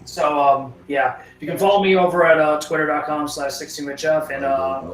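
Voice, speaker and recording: A fairly high-voiced man chats casually as a gaming stream co-host. He is opinionated and emphatic, sounding echoey and a little distant from the mic. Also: fairly even intonation, normal speed. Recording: echoey room, off mic, faint music. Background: faint game music.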